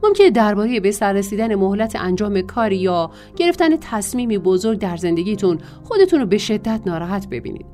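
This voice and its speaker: A woman's voice: mid-range voice, big pitch swings, few pauses, dark tone, faint music behind. Woman reading a self-help audiobook. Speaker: audiobook narrator. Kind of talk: scripted self-help narration.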